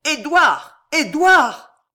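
A reader voicing an anguished male prosecutor who cries out high and loud in panic and murmurs low when stunned, in a storybook reading. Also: sing-song, a little slow. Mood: frantic.

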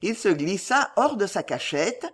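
A woman narrating a classic novel as an audiobook in a measured, expressive way. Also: mid-range voice, breathy edge.

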